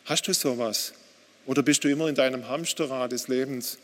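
A man's voice: medium pitch, steady tone, fairly quick. A man preaching a sermon, speaking straight to the listener with questions and reading quoted passages with growing intensity. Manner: direct, addresses listener with questions; reads quotes aloud with rising intensity. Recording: long hall reverb.

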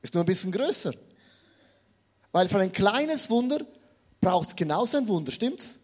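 A man's voice: high voice, normal speed. A man preaching a sermon, telling a humorous story and turning often to the congregation. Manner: animated, humorous storytelling, addresses the audience directly.

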